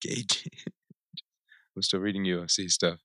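A man's voice: sits low, flat delivery, takes it slowly, sharp tone, no room sound. A man co-hosting a podcast, making dry teasing remarks and explaining things plainly. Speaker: podcast co-host. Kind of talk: casual chat.

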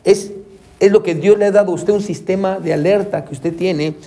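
Gravelly, high-voiced man preaching Sunday school. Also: normal speed, dark tone. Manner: addresses listeners as brother, frequent amens; acts out quoted voices, mixes in English terms. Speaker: Sunday school teacher and counselor.

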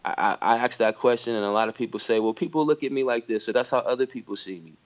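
Here the Michigan man talks fast in a mid-range voice over lo-fi sound. His casual, reflective thinking-aloud is sprinkled with plenty of "you know" and "like."

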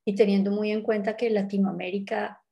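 A woman's voice: medium pitch, little pitch movement, a little fast, gravelly, lo-fi sound. A middle-aged woman from Colombia being interviewed, speaking reflectively and unhurriedly with frequent hesitations and restarts. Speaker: art world interviewee.

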